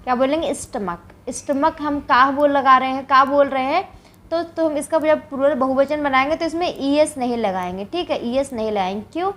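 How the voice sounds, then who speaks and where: With a high, slightly bright voice and a somewhat fast pace, an Indian woman works through an English grammar lesson in class. She goes step by step, answers questions she poses, and frequently says "ठीक है" to check in.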